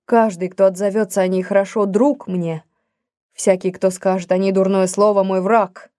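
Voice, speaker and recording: A woman reading a hot-headed young gentleman. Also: medium pitch, level tone, moderate pace, no room sound, studio quality, lightly acted. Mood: passionate. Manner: passionate, declamatory.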